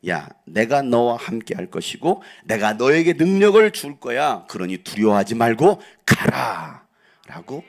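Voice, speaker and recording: A male pastor voicing God as a slow, blunt, commanding presence reassuring a doubter. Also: medium pitch, very animated, voice pushed down. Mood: firm.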